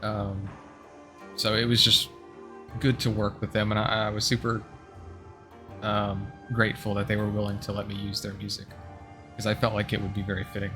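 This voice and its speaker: A man's voice: fairly low pitch, monotone, normal speed, pauses often, music in the background. A man giving casual announcements as a live streamer, rambling a little and restarting his sentences to correct himself. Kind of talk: casual livestream announcements to viewers.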